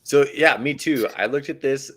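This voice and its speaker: A man co-hosting a casual sports betting chat, excitable and quick to laugh. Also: mid-range voice. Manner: excitable, laughing, lively emphasis. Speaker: podcast co-host.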